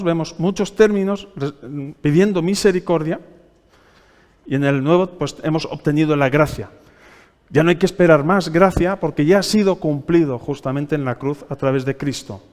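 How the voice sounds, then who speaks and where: Spanish preacher in a reverberant church hall. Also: male voice, on the high side, a little mellow. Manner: teaching by asking the congregation questions; reads scripture aloud, raising his voice for quoted pleas. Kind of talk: sermon.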